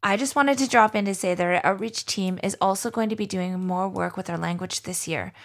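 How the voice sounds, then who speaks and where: A woman host reads podcast announcements in a clear, plain voice. Her pitch is average and her delivery is steady. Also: brisk.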